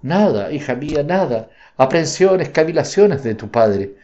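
A male narrator voicing a gentle, frightened mother who speaks softly and pleadingly, in a slightly dull recording. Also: a little high, big pitch swings, measured pace. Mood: soothing. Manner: soft, pleading.

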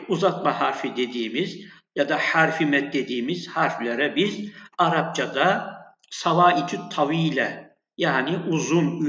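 A man teaching an Arabic lesson, slowly and patiently spelling out letters and vowel sounds for his students. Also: fairly high pitch, a bit bright. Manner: slow, patient, repeats sounds and addresses students as friends. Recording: echoey, dull lo-fi room sound.

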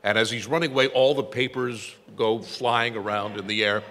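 Older male speaker at a tribute, wry anecdotal storyteller, forceful lowish voice, reverberant hall sound. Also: steady tone, moderate pace. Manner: storytelling, self-deprecating humor. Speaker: tribute speaker, former newsroom copy boy. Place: event hall. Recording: echoey hall with long reverb.

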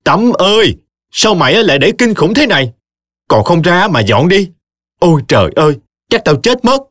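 A man voicing a shrill, scolding older mother-in-law in a storytelling narration. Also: big pitch swings, normal speed, a bit bright, no room sound, studio quality, exaggerated voice. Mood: wailing. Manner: shrieking, nagging.

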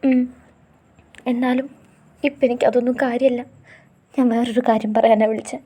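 Woman doing a teary young college girl, soft and pleading, kinda husky. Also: fairly high pitch, level tone, normal speed, pitched above the performer's own voice. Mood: tearful. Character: tearful young woman in love, college student.

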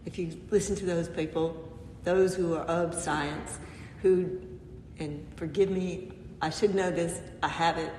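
A woman pastor preaches a gentle, unhurried sermon, pausing often between phrases. Her voice sits a little low and carries a long reverb, as though caught by a mic set well back in a church sanctuary. A faint hum of the room lingers behind her. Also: steady tone. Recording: echoey church, mic far off.

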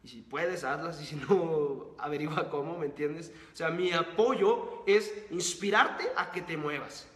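A man's voice: fairly high pitch, measured pace, hardly any pauses, a bit bright. A man hosting his channel, delivering a motivational monologue full of repeated rhetorical questions and lists. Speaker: host of a book-summary channel. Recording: roomy echo with long reverb.

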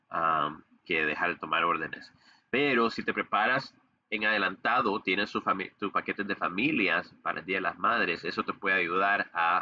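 This young man runs a digital marketing agency and gives a casual screen-share tutorial full of fillers and restarts, filmed by a webcam in the corner of the screen recording in an indoor room. His voice sits low and sounds pushed and bright. The highs are cut off.

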